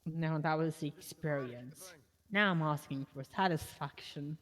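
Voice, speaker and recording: A woman playing a chatty, nosy city clerk with halting, questioning talk in a casual online game role-play. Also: sits low, fairly bright tone, big-room sound. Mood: inquisitive, halting. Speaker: player acting a customer satisfaction surveyor.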